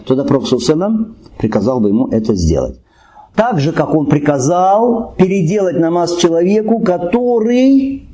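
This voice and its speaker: Male religious teacher, lively rising and falling delivery, warm mellow tone, poses questions and answers them. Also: mid-range voice. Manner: asks the audience questions and answers them himself; recites Arabic blessings quickly. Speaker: Islamic teacher. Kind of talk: religious lecture.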